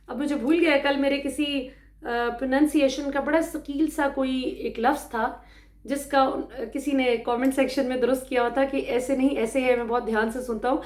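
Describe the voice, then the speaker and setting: A woman's voice: sits high, fairly even intonation, a little mellow, echoey room. A woman from Pakistan giving emphatic, indignant political commentary to her viewers, often switching into English phrases.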